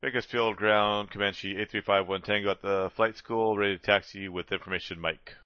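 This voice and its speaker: A man speaking as a pilot over the radio, reading back clearances. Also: fairly low pitch, fairly even intonation, a little fast, no room sound. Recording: dull, dry lo-fi radio transmission.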